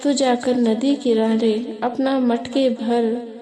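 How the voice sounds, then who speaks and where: A woman's voice: on the high side, level tone, slow, mellow. A woman voicing a devoted village mother, loving yet defiant, speaking tenderly but firmly. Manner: tender, firm.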